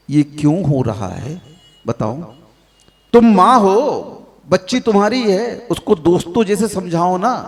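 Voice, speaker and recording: A man's voice: a little high, in a large hall. A man preaching a sermon to a gathered audience, scolding them with rhetorical questions. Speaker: Jain monk preacher.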